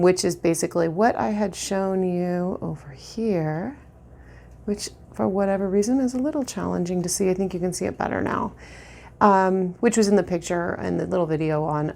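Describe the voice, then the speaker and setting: Creaky-voiced woman teaching a lash tutorial. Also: medium pitch, a little hiss or hum. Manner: chatty, relaxed, many ums and restarts. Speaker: lash artist instructor. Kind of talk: casual tutorial demonstration.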